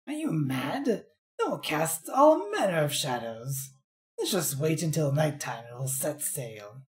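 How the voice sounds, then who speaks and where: Blustery video game pirate played by a woman, low for a female voice, very animated delivery, bossy and commanding. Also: a little slow, full character voice. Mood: indignant. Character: gruff, blustering pirate guarding the captain's cabin. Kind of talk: reading video game dialogue in character.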